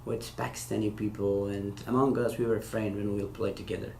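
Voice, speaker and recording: A man from Afghanistan, formerly an interpreter, gives casual interview answers in halting, hesitant non-native English, restarting many times. His voice sits on the low side, gravelly and darkish, with a level tone. There's echo and a faint hiss in the room.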